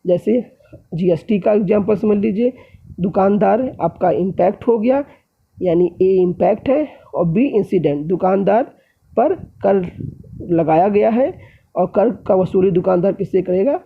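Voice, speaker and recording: A man teaches an economics lesson in a high, gravelly voice with a husky edge. He works through his examples step by step and keeps addressing his listeners as friends. The sound is thin and tinny, like a phone line. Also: unhurried. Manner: explains step by step, often addressing viewers as friends. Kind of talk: classroom lecture.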